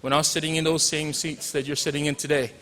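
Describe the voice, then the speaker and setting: The clip features a teacher in his forties from Hawaii giving a relaxed commencement speech in his Hawaiian accent, peppered with jokes and bits of Pidgin. He speaks quickly in a fairly bright, somewhat high voice with little pitch movement. The large hall gives the audio heavy reverb.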